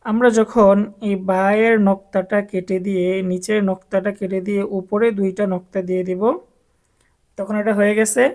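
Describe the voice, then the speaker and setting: A woman's voice: mid-range voice, little pitch movement, darkish tone. A woman teaching Arabic letters to adult learners as a Quran teacher, drawing out each letter name and repeating it for the class to echo. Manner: drawn-out, repeated letter names for students to echo.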